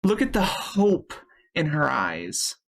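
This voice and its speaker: Gravelly-voiced woman streamer chatting casually. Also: sits low, very animated, takes it slowly. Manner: loose and chatty, swears freely. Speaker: Twitch streamer. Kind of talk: casual live-stream chat, reading chat messages.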